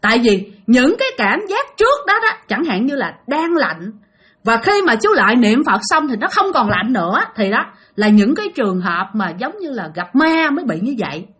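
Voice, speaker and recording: High-voiced woman telling a ghost story. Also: very animated, normal speed, a bit bright, slightly rough. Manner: chatty, addresses listeners directly.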